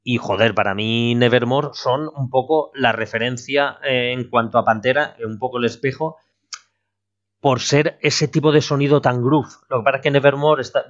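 A man's voice: mid-range voice, lo-fi sound. A man from Spain, hosting a casual podcast chat and correcting himself as he talks about bands. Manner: relaxed, conversational, lists band details with self-corrections. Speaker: podcast host.

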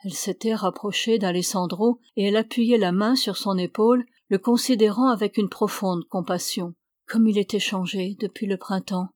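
A woman narrating a novel as an audiobook in a steady, measured reading. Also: mid-range voice, no room sound, clean studio sound.

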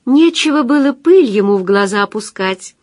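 A gentle older nun, quietly instructive and a little reproachful, as voiced by a woman reading aloud. The sound is close and dry, in a middle register. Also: medium pitch, slow pace, no echo. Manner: mildly reproachful and sighing.

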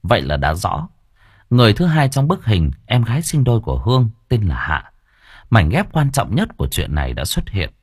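A man narrates a first-person audiobook. His husky voice moves widely in pitch. The recording is dry and close. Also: wildly swooping pitch, moderate pace, dry recording.

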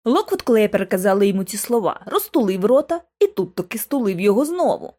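A woman narrating an audiobook in the first person, with expressive, dramatic delivery. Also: medium pitch, fast. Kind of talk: scripted narration.

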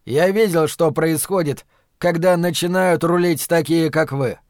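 A man's voice: on the high side, steady tone, unhurried, a little mellow, no room sound, studio quality, voice pushed up, natural voice. A man voicing a stern young police officer who speaks in clipped orders.

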